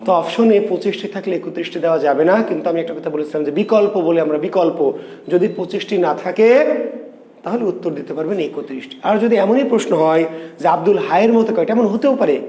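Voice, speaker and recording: A man's voice: high voice, dark tone. A male teacher giving an exam-prep grammar lesson, drilling each point with repeated questions and answers. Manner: slows to spell out sounds. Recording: echoey room.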